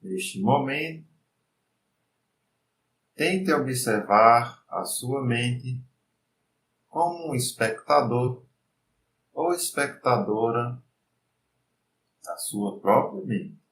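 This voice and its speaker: A Brazilian man guiding a breathing meditation as an instructor, in a calm, soothing, unhurried way with pauses. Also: medium pitch, distant mic. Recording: roomy echo, faint background noise.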